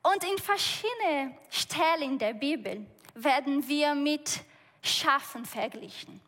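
A woman gives a sermon in a high voice, talking slowly and feeling her way through each sentence. She often breaks off and starts her words again. The sound rings with the long reverb of a large hall. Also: animated, fairly bright tone. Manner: slow, searching storytelling with frequent restarts. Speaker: preacher.

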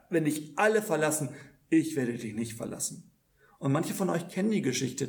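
A man's voice: medium pitch, vocal fry, darkish tone. A man preaching a sermon in an earnest tone, often stumbling over repeated words as he restarts.

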